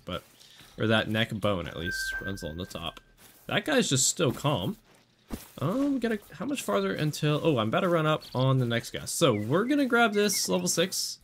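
A man giving casual, excitable commentary while he plays a hunting game, talking to himself as he lines up shots. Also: medium pitch, creaky, a little hiss or hum. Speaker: gaming channel host.

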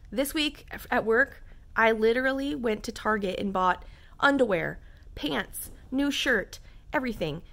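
A young adult woman chatting casually and candidly to her viewers, rambling with lots of fillers. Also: medium pitch. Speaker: vlogger talking to viewers. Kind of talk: casual chat to camera.

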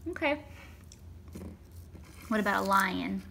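A woman patiently coaxing a small child at home, asking simple questions in a gentle, sing-song way and prompting the child to repeat words after her. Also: mid-range voice, animated, slow, vocal fry, a little hiss or hum. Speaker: caregiver teaching a toddler. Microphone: hidden camera.

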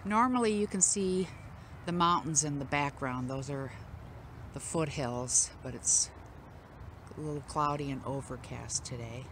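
A woman's voice: very deep voice, a little slow. A woman, chatting casually as she films a hiking trail and points out views. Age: 60s. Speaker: hiking vlogger. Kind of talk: casual narration while hiking. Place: outdoor hillside trail. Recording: loud wind and outdoor noise.

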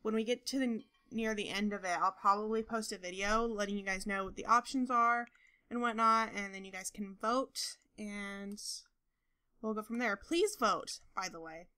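A young woman giving casual commentary over her gameplay, chatting to viewers and talking to the game characters, with excitable outbursts. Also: mid-range voice, normal speed. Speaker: gaming video host.

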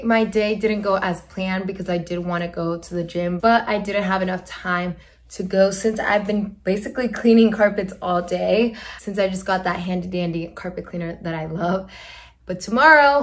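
Casual home vlogger, woman, mid-pitched and chatty, recorded as a phone video. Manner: chatty, excited, addresses viewers as guys. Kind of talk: casual vlog talk to viewers. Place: at home indoors. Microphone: phone camera.

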